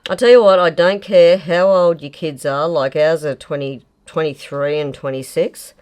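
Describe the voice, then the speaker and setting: A woman's voice: deep voice, normal speed, a little mellow. A middle-aged woman, chatting casually and swearing playfully while she paints. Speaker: fluid art host.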